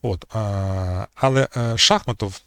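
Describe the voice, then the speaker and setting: A man's voice: on the low side, slow, a bit bright, clean tone, no echo, studio quality. A man giving an unscripted talk on language history as channel host, hesitating often with fillers and restarts.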